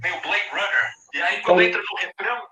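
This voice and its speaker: A man chairing an online meeting as council president, his voice broken up and cutting out over a choppy video call, speaking in halting, broken-off phrases. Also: high-pitched, lively intonation, pushed and bright, echoey room. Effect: choppy video call audio cutting out.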